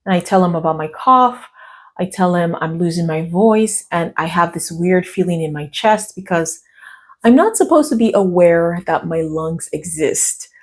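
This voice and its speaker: In a casual vlog, a middle-aged American woman chats through a story from her notes, slipping in quoted asides. Her fairly low, expressive voice moves at a moderate pace and sounds worn, since she's recovering from a cough and a lost voice.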